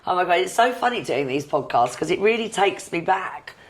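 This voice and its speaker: Husky, croaky woman recovering from flu. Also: fairly low pitch, lively intonation, fairly quick, a little hiss or hum. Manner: chatty and self-mocking, laughs often. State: hoarse from flu. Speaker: podcast host. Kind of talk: casual chat.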